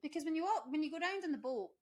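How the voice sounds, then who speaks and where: A woman's voice: sits high, lively intonation, rapid-fire, darkish tone. A woman co-hosting a casual chat, jumping in with jokey asides. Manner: chatty, jumps in with jokey asides. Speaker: podcast co-host.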